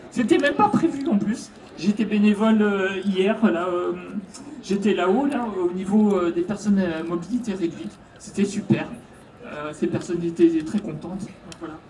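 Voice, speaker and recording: A woman's voice: medium pitch, warm tone, reverberant, far from the mic. A woman from France with a French accent, an activist speaking to a festival crowd through a handheld microphone, chatty and hesitant with many fillers. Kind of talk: public speech at a festival. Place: outdoor festival stage.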